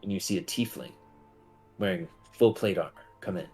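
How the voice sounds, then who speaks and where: A man narrating as game master of a tabletop game, improvising in a halting, deliberate way. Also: low-pitched, darkish tone, soft background music.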